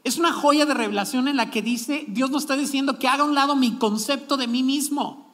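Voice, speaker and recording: High-voiced pastor preaching. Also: male voice, fairly quick, fairly bright tone. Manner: conversational preaching, frequent checks with the audience. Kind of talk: sermon. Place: church sanctuary. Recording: long church hall reverb.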